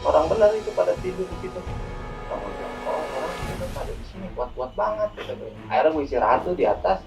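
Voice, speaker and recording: A man's voice: high-pitched, big pitch swings, fast talker, creaky. Young guy rambling thru a story, kinda far from the mic, music in the background. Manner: rambling, repeats words, calls listener "Bang". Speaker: guest telling a hiking story. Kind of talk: casual storytelling chat. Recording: distant mic with music behind.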